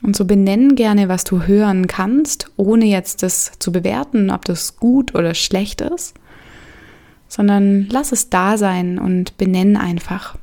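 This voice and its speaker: Female meditation guide, mid-range voice, soft and soothing delivery with gentle pauses. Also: medium pitch.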